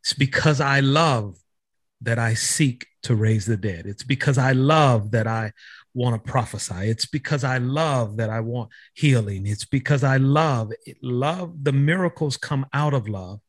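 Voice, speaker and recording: Male podcast host, mid-pitched, slightly raspy, earnest teaching tone, dry close recording. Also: unhurried, no room sound. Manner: earnest, quotes scripture. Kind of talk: interview with scripture teaching.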